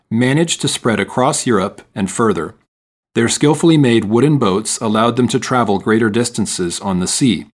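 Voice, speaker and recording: A man reading texts and task instructions for a listening exam in a measured, formal way. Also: on the low side. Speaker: exam narrator. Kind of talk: scripted narration for a listening test.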